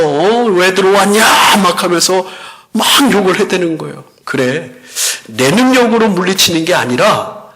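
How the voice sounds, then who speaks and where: Bright, animated male pastor preaching. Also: a little high. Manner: animated preaching, retelling a story with acted quotes; leads the congregation in repeating prayers. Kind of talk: sermon.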